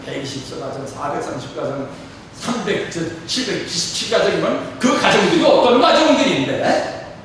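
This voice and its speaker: A man in his sixties delivers an animated sermon, pitched high for a man. He stands away from the mic, so his voice rings through a large, echoing church hall. Faint noise hums underneath. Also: far from the mic. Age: 60s. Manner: animated preaching with rhetorical questions. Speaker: church leader.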